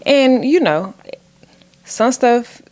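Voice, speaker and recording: A woman's voice: a little high, expressive, extremely slow, a little mellow. A woman co-hosting a casual conversation about raising children, speaking in an earnest, affirming way. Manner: earnest, affirming, often agrees with short replies. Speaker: co-host, parent. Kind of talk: casual chat.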